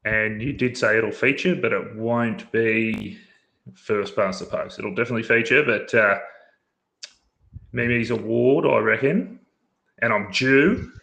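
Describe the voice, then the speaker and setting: Blokey Australian man with a gravelly voice. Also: mid-range voice, a little slow, pushed and bright, poor audio. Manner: blokey, colloquial. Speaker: podcast host. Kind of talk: casual betting podcast banter.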